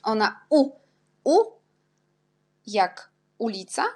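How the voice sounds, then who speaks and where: A woman's voice: a little high, expressive, takes it slowly, a little mellow. A woman teaching Polish pronunciation in French, sounding out each letter and example word and repeating it. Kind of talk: spelled-out pronunciation lesson.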